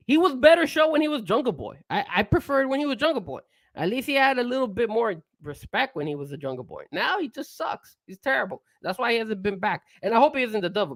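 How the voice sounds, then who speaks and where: High and fairly bright, this man's voice is captured in clean studio sound with no room noise. He co-hosts a casual wrestling talk show, ranting hotly, cursing, posing rhetorical questions, and laughing a lot.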